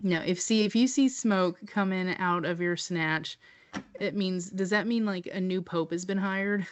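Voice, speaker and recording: A woman's voice: lowish voice, steady tone, a little slow, a little hiss or hum. A woman co-hosting a podcast, chatting casually with dry, wry quips. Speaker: podcast co-host. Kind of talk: casual chat.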